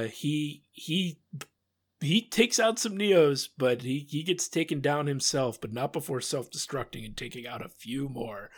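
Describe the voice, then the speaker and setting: A man's voice: on the high side, breathy edge. A man hosting a casual podcast, recapping an episode with playful asides and frequent laughter. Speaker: podcast host.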